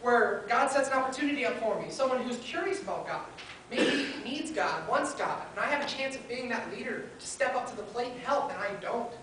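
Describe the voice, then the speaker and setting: A woman's voice: on the high side, animated, a little fast, fairly bright tone. A woman preaching a sermon at a pulpit microphone, earnestly building her points in short listed phrases. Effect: spoken into a pulpit microphone. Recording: very echoey hall, heard from far off, faint hiss.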